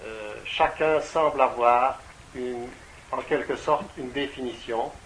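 Working as an interpreter, a man slowly puts a spiritual talk into French in a medium-pitched voice. He is halting, full of fillers and prone to repeating words. Crowd noise sits under a rough recording.

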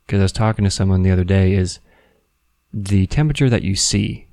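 A man's voice: sits low, fairly quick, gravelly, warm tone, no echo, studio quality. A man talking casually and explaining things as a podcast co-host.

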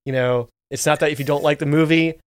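A man's voice: fairly high pitch, steady tone, fast, smooth, no room sound, studio quality. A man co-hosting a movie review podcast, speaking with enthusiasm through many fillers and restarts. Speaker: podcast co-host. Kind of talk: casual movie review chat.

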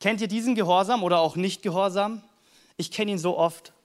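High-voiced man preaching a casual sermon. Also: a little fast. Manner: earnest, conversational preaching with Bible readings. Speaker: pastor.

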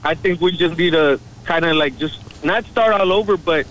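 Man on a phone line, somewhat high voice, rambling call-in talk, lots of you-knows. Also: moderate pace, fairly bright tone. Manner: rambling, filler-heavy, earnest. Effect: heard over a phone line. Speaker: caller to a radio show. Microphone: telephone.

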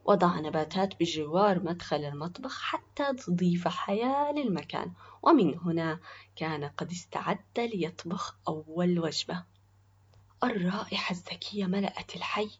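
Soft-spoken woman storyteller. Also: fairly low pitch, lively intonation, normal speed, husky, dull audio. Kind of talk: scripted story narration.

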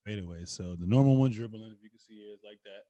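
A man's voice: lowish voice, fast talker, dark tone, dry recording, muffled recording. A man hosting a podcast in casual chat, easygoing and agreeable. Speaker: podcast host. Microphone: remote recording.

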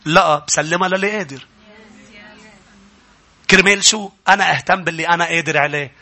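A middle-aged male pastor with a Lebanese Arabic accent, preaching a sermon that climbs into loud, emphatic passages and calls out for amens. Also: a little high, fast talker.

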